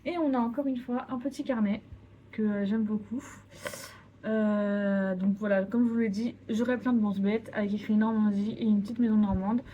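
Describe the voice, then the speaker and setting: A woman's voice: medium pitch, steady tone, normal speed, phone-quality sound, a little hiss or hum. A young woman from France chatting casually about her shopping in a vlog from her bedroom, with lots of fillers and restarts. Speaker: vlogger. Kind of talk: casual haul video.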